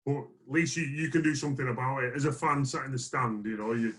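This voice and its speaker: A man's voice: medium pitch, steady tone, fast, fairly bright tone. A man speaking earnestly as a player in a casual sports discussion, repeating phrases for emphasis. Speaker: rugby league player guest.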